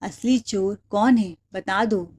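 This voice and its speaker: A woman's voice: mid-range voice, takes it slowly, darkish tone, husky. Young husband, stern and questioning, voiced by a woman narrator.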